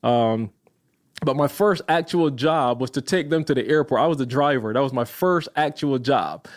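A man's voice: mid-range voice, normal speed. A man from Barbados, a podcast guest, telling his story casually and acting out the voices in it.

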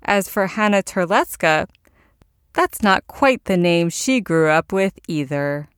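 A woman hosting a podcast, reading scripted narration in a calm, even, polished way. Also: on the low side, slow, clear, resonant tone, dry recording, clean studio sound.

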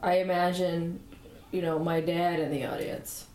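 A woman's voice: lowish voice, flat delivery, unhurried, darkish tone, roomy sound, a little hiss or hum, poor audio. A woman comedian in casual chat, making dry, playful wordplay.

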